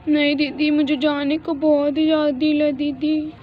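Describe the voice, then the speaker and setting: A woman voicing a gentle, kind younger sister in a doll-play story, earnest and pleading. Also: high voice, little pitch movement, moderate pace, soft background music, close to an everyday voice. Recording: dull lo-fi recording.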